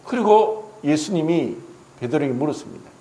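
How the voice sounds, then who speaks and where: Man, pastor, dramatic sermon, high animated voice, echoey church hall. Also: moderate pace. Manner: dramatic, voices Jesus and Peter in quotes.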